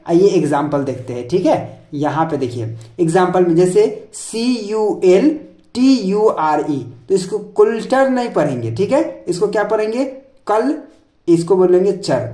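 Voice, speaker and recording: A man's voice: high-pitched, mellow. A man teaching English spelling in a video lesson. He spells words out letter by letter, asks each answer back as a question, and keeps adding a filler tag to check in. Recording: roomy echo.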